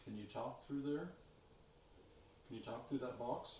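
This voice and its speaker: A man's voice: medium pitch, a little slow, mellow. A man on a ghost hunt indoors, casually asking questions from far off in an echoey, noisy room. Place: indoors in a house.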